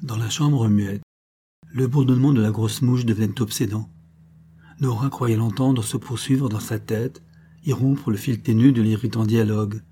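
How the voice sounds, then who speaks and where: A man narrating a novel in an audiobook with measured, literary storytelling. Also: mid-range voice, steady tone, warm tone, breathy edge.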